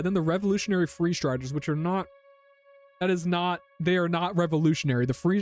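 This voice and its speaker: A man's voice: high voice, darkish tone. A man streaming a story game, reacting casually, thinking aloud and laughing often. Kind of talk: casual livestream commentary.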